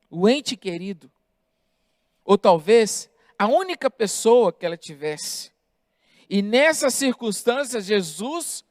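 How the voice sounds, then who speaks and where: A male pastor delivers a sermon at an unhurried, measured pace, leaning on emphatic pauses. The sound is dry and close, with little room echo. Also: sits high. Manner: deliberate preaching with emphatic pauses.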